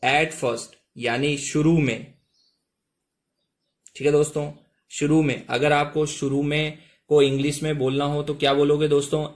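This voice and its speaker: Hindi-speaking man teaching English slowly. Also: fairly high pitch. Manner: repeats "ठीक है दोस्तों", reads English lines very slowly. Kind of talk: Hindi-medium English reading lesson.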